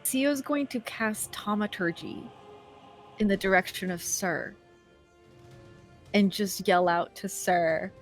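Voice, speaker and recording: A woman's voice: medium pitch, slow, pauses often, faint music behind. A woman playing a tabletop game, hesitant and thinking aloud. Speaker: player. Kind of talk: tabletop role-play.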